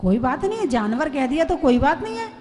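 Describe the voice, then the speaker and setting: A woman preacher voicing a calm, patient husband in a story, speaking gently and soothingly. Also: high voice, brisk. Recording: long hall reverb.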